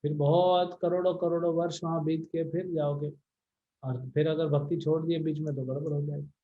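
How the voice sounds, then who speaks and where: A man's voice: fairly high pitch, flat delivery, moderate pace, phone-quality sound, a little hiss or hum. A man, a spiritual teacher, answering devotees' questions on a video call in a blunt, scolding way with English words mixed in. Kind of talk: devotional Q&A discourse.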